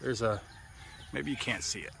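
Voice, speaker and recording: This American vlogger speaks at normal speed in a fairly bright, mid-range voice with vocal fry. Recorded outdoors in a yard, he rambles in an offhand, profane way while birds and roosters make the recording noisy.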